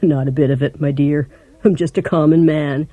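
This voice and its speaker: A woman voicing a timid little old man who talks in a meek, hushed whisper. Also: low voice, steady tone, normal speed, no room sound, lo-fi sound, voice pushed down.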